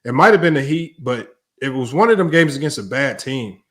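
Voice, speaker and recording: A male podcast host at mid pitch, talking loose and unscripted on a live sports debate stream. He rambles, stumbles over repeated words and keeps ending phrases with "man". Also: expressive, brisk, a bit bright.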